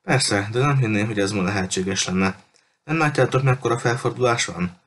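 A man's voice: lowish voice, fairly bright tone, a little hiss or hum, lightly acted. A man voicing an impatient young girl. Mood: dismissive. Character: impatient ancient Egyptian girl. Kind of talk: audiobook character voice.

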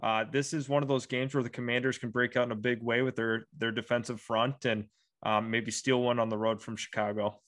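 A man's voice: medium pitch, little pitch movement, fairly quick, fairly bright tone. A young man co-hosting a sports show, giving casual game analysis with many fillers like "you know". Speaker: sports podcast co-host.

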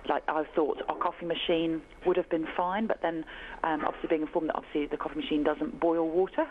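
A woman, a bar owner, speaking quickly and upbeat with fillers in a phone interview. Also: low voice, level tone, slight background noise. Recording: tinny phone line.

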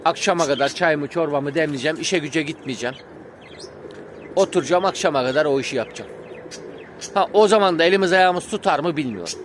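A man's voice: fairly high pitch, brisk, noisy background. A man vlogging about his pigeons, venting in a rambling, frustrated way with many fillers. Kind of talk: casual vlog talk to viewers. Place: outdoors by a pigeon coop. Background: pigeons cooing and birds chirping.

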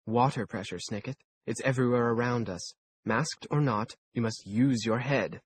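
A man reading an audiobook voices a brisk, bossy adult woman who lectures her young apprentice, raising his voice higher and louder for her. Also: husky, close to an everyday voice. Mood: stern. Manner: curt, lecturing, commanding.

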